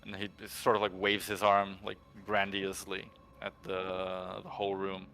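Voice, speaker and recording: A man's voice: low-pitched, moderate pace, faint music behind. A man narrating as game master, describing gestures with lots of fillers. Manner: relaxed, filler-heavy narration.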